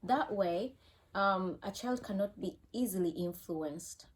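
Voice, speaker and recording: A woman's voice: mid-range voice, slow. A woman from Uganda with a Ugandan English accent, a mother earnestly cautioning and repeating her advice in a casual talk.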